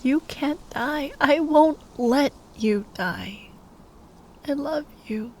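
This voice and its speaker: Her voice is high as she plays a tender, grieving young sorceress keeping watch at a bedside in an intimate ASMR roleplay. She talks in a hushed, faltering manner that frequently turns to whispers, carrying a feeling of tender resolve. The recording quality is poor, with some hiss or hum.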